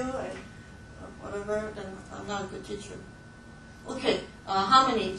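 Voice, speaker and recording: This missions training instructor from Hong Kong speaks to her class in a mid-range, slightly bright voice. She's talkative and laughs a lot, stumbling through frequent fillers and restarts, and the distant recording picks up room echo and faint noise.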